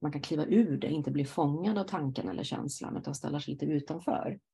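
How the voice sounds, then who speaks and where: Low gravelly woman, calm and reflective. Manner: reflective, explains slowly, frequent affirming murmurs. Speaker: podcast host, psychosynthesis therapist. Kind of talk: calm conversational interview.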